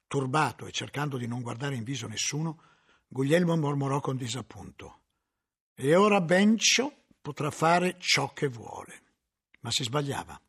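A man narrating a literary novel aloud in a measured, dramatic reading. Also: medium pitch, gravelly, slightly rough. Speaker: audiobook reader.

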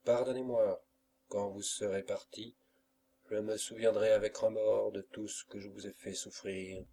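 A man's voice: lowish voice, little pitch movement, measured pace, mellow, a little hiss or hum. A man voicing an anguished young lover who pleads earnestly, in an audiobook. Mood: pleading.

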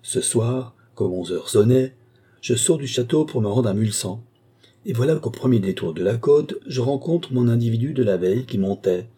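A man's voice: mid-range voice, expressive, moderate pace, dark tone, breathy edge. A man voicing a sly, deferential valet who talks ceremoniously and at length in an audiobook. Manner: long-winded, ceremonious. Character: adult male valet, sly, wordy, deferential.

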